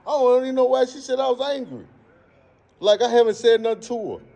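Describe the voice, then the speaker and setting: A man's voice: extremely high pitch, fast talker, gravelly, warm tone. A man who is a parent at a school entrance, recording on his own phone and insisting again and again in casual slang. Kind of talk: heated confrontation, self-recorded.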